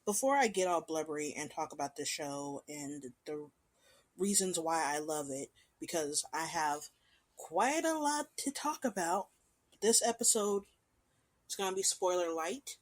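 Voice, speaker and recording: A woman hosting her own show, chatting casually and enthusiastically about an anime she loves. Her voice sits a little low for a woman, but she keeps it animated, with big jumps up in pitch and volume for emphasis. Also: unhurried. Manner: animated, chatty, expressive swings in pitch and loudness. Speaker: podcast host.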